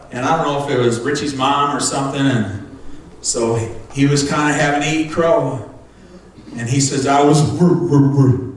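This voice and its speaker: A man preaching a lively, joking sermon as pastor, acting out how his congregation answers him. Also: fairly high pitch. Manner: lively, jokey preaching that acts out congregation responses. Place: church sanctuary. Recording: very echoey room, distant mic, faint noise.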